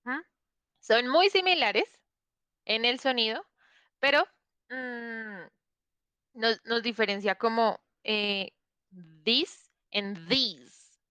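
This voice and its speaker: A woman's voice: fairly high pitch, slow, long pauses, sharp tone, smooth, no echo. A woman teaching an online English class, explaining patiently and checking in often with her students.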